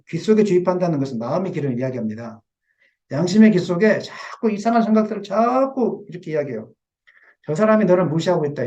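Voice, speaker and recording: A man's voice: fairly high pitch, dark tone, lo-fi sound. A male pastor preaching a sermon in a church sanctuary and speaking directly and emphatically to his congregation.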